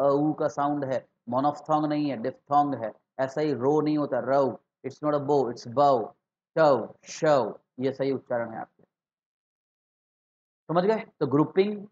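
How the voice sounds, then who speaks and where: A man teaching an exam-prep lesson online, explaining terms slowly, repeating key words and putting questions to his students. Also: on the high side, darkish tone. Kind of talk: online exam-prep lecture mixing Hindi and English terms. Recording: slightly dull lo-fi recording.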